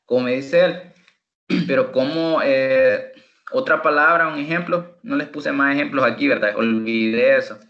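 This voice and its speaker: A man with a Salvadoran Spanish accent teaching an online English class, slowly repeating words for pronunciation practice. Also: medium pitch. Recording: dull, echoey online call audio.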